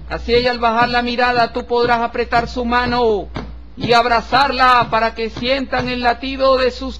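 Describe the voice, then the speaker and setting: A man reading a tarot horoscope in a solemn, slow and formal way, addressing the listener with respect. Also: very high voice, a bit bright. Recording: dull lo-fi recording with faint hiss.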